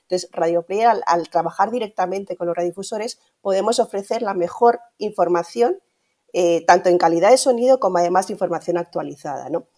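A middle-aged woman from Spain, a radio streaming executive, explains things as an interview guest over a video call from an indoor room. She has a Castilian Spanish accent and often ends phrases with tag questions, speaking fairly quickly in a fairly low, slightly mellow voice.

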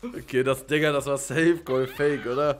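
A man in his twenties giving excitable, slangy, casual reaction commentary as a video host. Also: mid-range voice, moderate pace, faint music behind. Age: 20s. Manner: excitable, exclaiming. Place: small indoor room at a desk.

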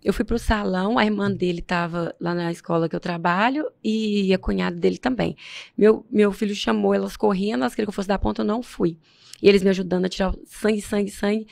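Frank Brazilian woman guest, rapid delivery, gravelly edge. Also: medium pitch, fairly even intonation, darkish tone, dry recording, studio quality. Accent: Brazilian Portuguese. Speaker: podcast guest. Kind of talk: casual conversation.

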